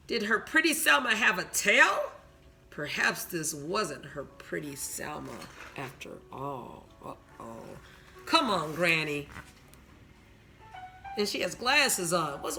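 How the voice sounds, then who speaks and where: A woman's voice: low voice, sing-song, slow pace. A woman reading a picture book aloud, breaking off with chatty asides to her listeners and some advice for teenagers. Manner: gives moral advice to teens. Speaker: storyteller reading to young listeners.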